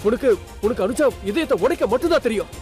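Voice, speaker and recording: A man's voice: very high voice, lively intonation, fast talker, a little mellow, soft background music. An actor playing a heartbroken young man who bitterly accuses his lover of treating love as a game, in a TV drama. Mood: bitter, accusing. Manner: pleading then bitterly accusing, emphatic. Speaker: actor in a TV serial. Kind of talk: dubbed TV drama dialogue.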